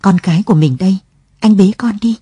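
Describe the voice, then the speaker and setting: A woman's voice: medium pitch, a little fast, mellow, husky, no room sound. Woman voicing a tearful young mother. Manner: pleading, tearful. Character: young mother searching for her husband.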